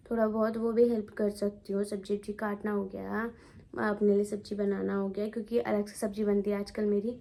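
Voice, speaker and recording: A woman's voice: mid-range voice, dark tone. A young woman chatting casually for her home vlog, rambling and repeating herself as she talks. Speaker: family vlogger. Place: at home indoors.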